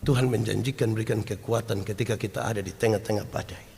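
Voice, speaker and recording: A man preaching a sermon, animated and storytelling, swinging from loud acted quotes to hushed asides and asking the congregation questions. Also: lowish voice, quick pace, vocal fry. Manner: homely storytelling with humor and rhetorical questions. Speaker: pastor. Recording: long hall reverb.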